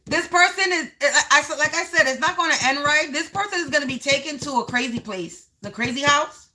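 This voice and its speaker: A woman's voice: high-pitched, fairly quick, pushed and bright. A woman giving a live psychic reading, narrating visions as they come to her, repeating phrases and stretching out key words for emphasis. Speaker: psychic reader.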